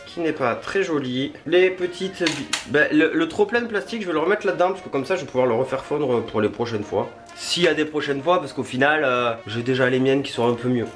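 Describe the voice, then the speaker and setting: A man chatting informally through a hands-on tutorial vlog in a home kitchen, self-deprecating and loosely spoken with some mild swearing. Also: fairly high pitch. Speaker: video creator testing a product.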